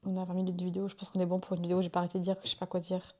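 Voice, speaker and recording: A woman's voice: fairly low pitch, completely flat delivery, racing, warm tone. A young woman, pregnant, chatting casually to her viewers in a rambling, self-interrupting way. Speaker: vlogger. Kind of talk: casual chat to camera.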